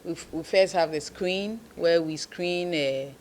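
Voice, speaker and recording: A woman's voice: fairly low pitch, a little slow, darkish tone. A woman, an engineer and manager, explaining a process in an interview. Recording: faint background noise.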